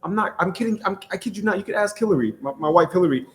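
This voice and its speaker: A man with a fairly high voice talks casually as a guest on a show. He recounts an experience with animation, often circling back and repeating a phrase to drive it home. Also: expressive, very fast. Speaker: podcast guest.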